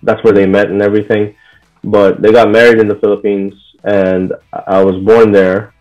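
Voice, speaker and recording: A young Bahraini interview guest speaks casually at normal speed, his lowish voice sprinkled with "like" and "you know" fillers. The lo-fi recording has faint music behind him.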